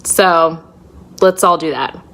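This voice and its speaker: A woman co-hosting a podcast, chatting casually in a bubbly, quick way with many fillers. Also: sits low, fairly bright tone. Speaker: podcast co-host.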